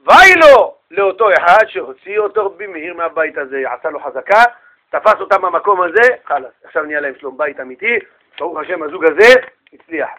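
A male preacher spins religious tales in a chatty, colloquial sermon style, full of slangy asides. His voice is high-pitched and bright. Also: lively intonation, poor audio. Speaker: preacher telling Talmud stories. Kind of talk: folksy sermon storytelling.

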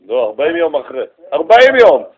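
A man teaches a Bible lesson in a classroom, talking in a lively way and acting out what the people in his story say. His voice sits fairly high. The recording is dull and muffled. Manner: lively, animated, acts out quotes. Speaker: religious teacher.

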